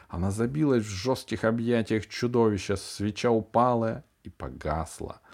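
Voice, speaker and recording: A man reading a novel aloud as an audiobook narrator, telling it dramatically, slowing down and dropping his voice on the tense moments. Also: a little mellow. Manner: dramatic storytelling, slowing and dropping low on suspenseful phrases. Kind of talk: scripted narration of a children's sci-fi novel.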